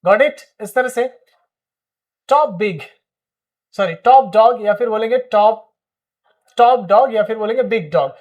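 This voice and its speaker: A man's voice: sits high, a little mellow. A man with an Indian accent teaching spoken English, explaining in Hindi and prompting viewers to repeat phrases. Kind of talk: energetic classroom-style lesson.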